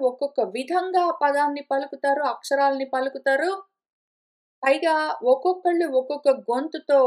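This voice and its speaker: Woman, high voice, scripture lesson, chatty explaining, slows for recited verses. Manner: conversational, repeats and rephrases points, slows to recite verses. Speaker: teacher of scripture.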